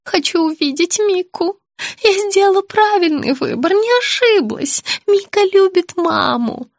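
A frail, confused old woman pleads in a high, quavering voice, as a woman narrator puts her on. She draws her words out slowly and swings widely in pitch, rising to anguished cries. The sound is close and dry. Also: expressive, no echo, heavily acted. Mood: dazed, pleading.

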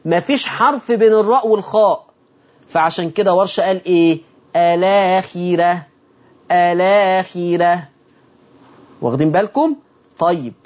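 A man with an Egyptian Arabic accent teaching the rules of Quranic recitation, explaining step by step, asking his listeners questions and repeating words slowly to demonstrate them. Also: sits high, breathy edge, highs cut off. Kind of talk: religious lesson on Quranic reading rules.

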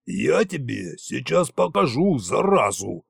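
A gruff old undead tsar who booms his threats slowly and playfully, more mischief than menace, as a man puts him on in a storybook. The lines come out drawn out and lower. The recording is dry and close. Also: very animated, no room sound, exaggerated voice. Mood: mock menacing. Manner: slow, mock-menacing booming.

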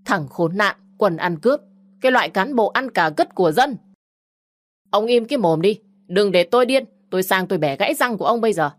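A woman voicing a poor older village man who shouts curses at a neighbor, then wails and pleads in despair. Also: fairly low pitch, normal speed, dry recording, lightly acted. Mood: furious.

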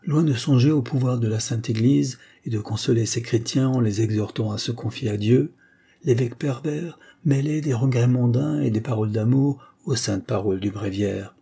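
A man narrates classic fiction as an audiobook, with measured, dramatic pacing. His voice is dark and mellow. It carries a husky edge. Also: medium pitch.

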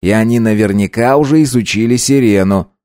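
A man reading a calm, sardonic young man. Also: on the low side, brisk, no echo, lightly acted. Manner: calm, dry. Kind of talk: audiobook character voice.

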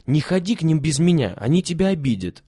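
A bossy but kind little rich girl, lively and high, full of bounce as she gives orders, as a male reader puts her on. The storybook voice rises and falls a lot. The recording is dry and close. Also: fast, slightly rough, no echo. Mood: commanding. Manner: raised, insistent voice.

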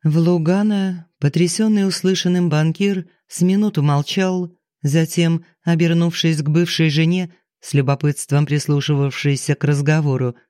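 A man narrating a thriller audiobook in a measured, dramatic reading style. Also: fairly high pitch, fairly even intonation, dark tone, no room sound, studio quality.

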